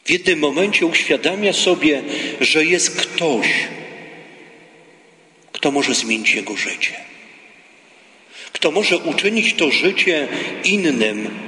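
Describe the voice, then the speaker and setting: A man, a priest, reading the gospel and preaching a homily in a slow, measured liturgical manner, recorded in a church. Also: fairly high pitch, lively intonation, bright, forceful tone. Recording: echoey church with long reverb.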